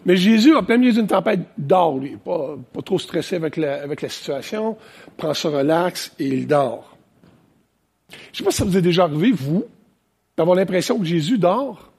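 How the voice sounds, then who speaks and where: A man with a Quebec French accent preaching an animated, conversational sermon with plenty of asides. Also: high-pitched, normal speed, creaky, husky. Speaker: pastor. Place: church, preaching to online viewers.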